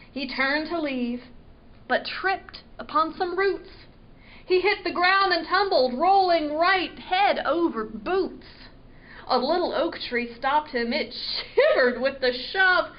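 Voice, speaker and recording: A woman librarian reading a picture book aloud at storytime, expressive and asking her young listeners questions. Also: high voice, lo-fi sound. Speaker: children's librarian. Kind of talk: children's storytime read-aloud.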